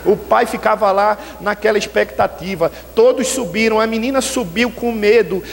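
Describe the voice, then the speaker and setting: Brief: Brazilian male preacher, high voice, lively storyteller, long church reverb. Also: moderate pace, vocal fry, a little hiss or hum. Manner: lively storytelling, often addresses the listeners as brethren. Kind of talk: storytelling sermon. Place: church sanctuary.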